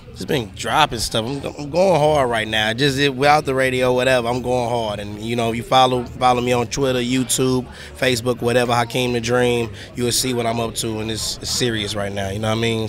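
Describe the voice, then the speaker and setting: A man's voice: mid-range voice, a bit bright. A male rapper giving a casual, slangy interview, peppering his talk with conversational tag phrases. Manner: slangy, full of 'you know what I mean' tags. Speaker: rapper and musician being interviewed. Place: music awards event.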